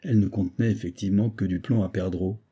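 Husky, dark-voiced male narrator. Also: on the low side, fairly even intonation, fast. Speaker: audiobook reader. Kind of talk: scripted narration of a classic novel.

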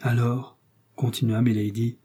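A man narrating a classic novel as an audiobook in a measured, deliberate way. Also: mid-range voice, flat delivery, mellow, slightly rough. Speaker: audiobook reader.

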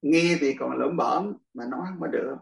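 An older man, a monk, teaches a class in a casual, chatty way, laughing often and addressing his students directly. His voice sits on the high side, creaky, at a moderate pace. The room echoes and he's far from the mic.

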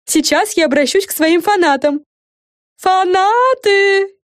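Woman doing a squeaky vain fairy girl. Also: takes it slowly, no room sound, studio quality. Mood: showy. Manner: bossy, self-important. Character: bossy vain young fairy girl, showoff.

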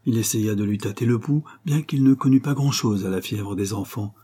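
A man narrating a classic novel as an audiobook at a measured, steady pace. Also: on the low side, husky.

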